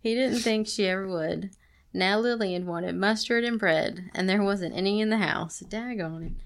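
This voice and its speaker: A woman with an ordinary, middle-pitched voice reads an old story aloud on her show. She keeps breaking in with playful, sarcastic asides, in a loose, joking way of talking. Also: normal speed. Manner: playful, adds sarcastic comments to the text. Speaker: podcast host reading stories aloud.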